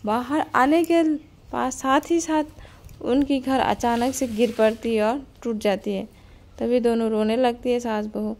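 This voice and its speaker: A woman's voice: on the high side, steady tone, measured pace, darkish tone. A woman narrating a simple family cartoon story in a homely, straightforward way.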